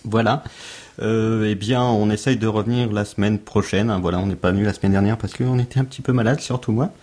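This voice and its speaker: A young man co-hosting a podcast, with a very low and husky voice. He rambles and jokes through loose chat, filling gaps with hesitations. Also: fairly even intonation, brisk, darkish tone. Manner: rambling, joking, many fillers. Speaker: podcast co-host. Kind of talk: casual chat.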